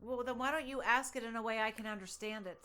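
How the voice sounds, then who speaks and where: A woman's voice: fairly high pitch, quick pace, sharp tone. A woman co-hosting a podcast in casual chat, arguing bluntly and sounding exasperated. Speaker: podcast co-host.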